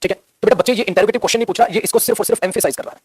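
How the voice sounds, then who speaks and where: Fast-talking Hindi-accented male teacher. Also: sits high, breathy edge, no room sound, clean studio sound. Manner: addresses students as beta, repeats key points. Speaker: English teacher. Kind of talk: live class lecture.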